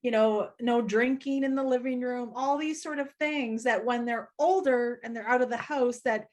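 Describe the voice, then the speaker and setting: A middle-aged woman in casual chat, agreeable and quick to laugh, with grown children. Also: a little high. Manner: chatty, agreeable, laughs often. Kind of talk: casual chat among friends.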